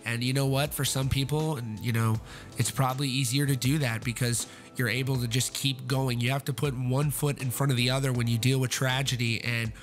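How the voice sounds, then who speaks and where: Earnest male rock news voice-over. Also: mid-range voice. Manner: earnest, with frequent fillers and restarts. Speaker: news host.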